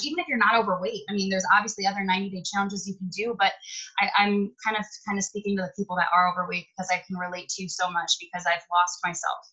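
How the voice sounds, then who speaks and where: Bright, fast-talking woman sharing her story. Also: medium pitch, rough recording. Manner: rambling, heartfelt, confiding. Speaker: guest on a team video call. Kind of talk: personal testimony. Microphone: video call.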